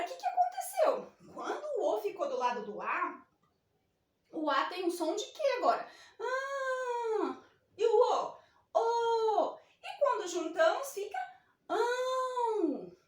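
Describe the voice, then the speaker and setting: Woman teacher, sing-song children's lesson, very high voice, roomy echo, distant mic. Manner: animated, sing-song, talking to young children. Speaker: primary school teacher. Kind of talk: children's reading lesson with storytelling. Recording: echoey room, distant mic.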